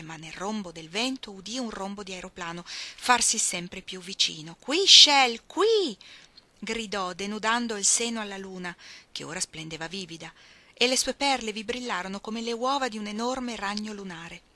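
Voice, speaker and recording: A woman reading a novel aloud, slow and expressive, sometimes dropping to a soft whisper. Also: medium pitch. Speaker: audiobook reader. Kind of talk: literary reading.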